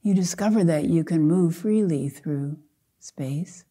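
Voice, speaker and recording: This Zen teacher, an older woman with a low voice, guides a meditation gently and softly. Each phrase is brief and measured, followed by a long pause.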